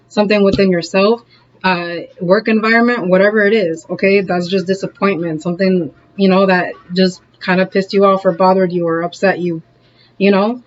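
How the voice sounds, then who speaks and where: Speaking at medium pitch with the high frequencies cut off, a tarot reader gives an easygoing, encouraging reading to camera. Laughter comes often, and the chatty reader keeps checking with the audience: "okay?", "all right?".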